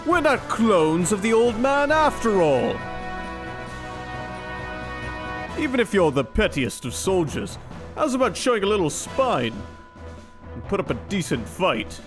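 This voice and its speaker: A man's voice: high voice, big pitch swings, moderate pace, voice pushed up. A man voicing a contemptuous mech soldier villain from a video game in a theatrical, taunting snake voice. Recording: loud game music behind.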